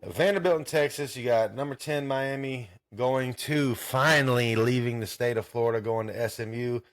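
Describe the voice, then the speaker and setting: A man's voice: medium pitch, moderate pace, dry recording, studio quality. A man in his thirties hosting a casual sports podcast, rambling and swearing in a laid-back way. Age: 30s. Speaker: podcast host.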